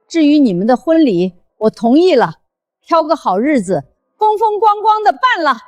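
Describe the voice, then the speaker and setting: A woman's voice: high-pitched, big pitch swings, moderate pace, dry recording, dull audio. An actress playing an imperious elderly woman who heads a wealthy family, giving clipped commands in a short drama. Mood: commanding. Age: older.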